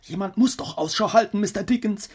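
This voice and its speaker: An actor playing an excitable, superstitious manservant in a radio play, chattering on. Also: male voice, high-pitched, brisk, husky. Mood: chatty.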